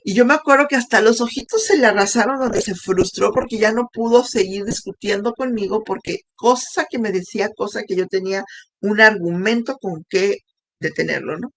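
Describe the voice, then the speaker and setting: A woman's voice: medium pitch, normal speed. A middle-aged woman, telling a personal testimony in a sermon and chatting with her audience as she goes. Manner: conversational storytelling, asks audience questions. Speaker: women's ministry speaker.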